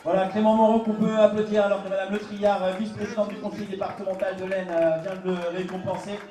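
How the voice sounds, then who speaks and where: A man announcing a race podium live, rallying the crowd and pausing often with hesitations. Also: high voice, flat delivery, mellow. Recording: echoey PA sound from far off with music and crowd.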